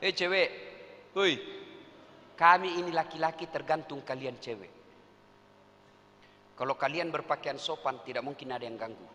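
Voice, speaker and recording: High, bright, animated male preacher. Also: normal speed, long pauses. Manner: animated, joking, addressing the crowd directly. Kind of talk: comic sermon. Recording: long hall reverb, faint ambience.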